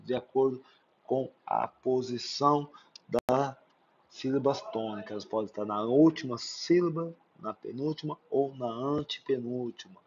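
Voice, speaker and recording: A Brazilian man delivers a recorded lesson, working through lists of example words and pausing to ask "né?". His voice sits at an ordinary middle pitch. The recording is a little dull, with faint noise behind him. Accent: Brazilian Portuguese. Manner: explains with many examples and frequent "né?" checks. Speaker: teacher. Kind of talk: recorded exam-prep lesson.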